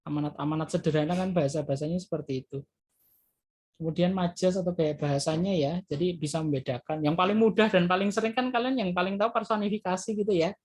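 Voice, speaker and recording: Speaking fast in a voice that sits high, this male teacher reviews for an exam with his class. He explains loosely and hesitantly, uses lots of filler tags, and addresses the students as children.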